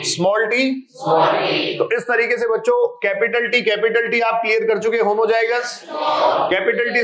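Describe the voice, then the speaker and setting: A male biology teacher giving an animated revision lecture, constantly quizzing his students with quick questions. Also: high-pitched, reverberant.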